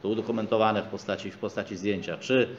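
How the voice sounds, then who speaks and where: A middle-aged man in the audience of a small lecture room, asking a question with halting pauses and fillers, picked up by a distant camera. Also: fairly low pitch, steady tone. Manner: hesitant, many fillers, halting. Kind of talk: question from the floor. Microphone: far camera. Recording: muffled, faint hiss.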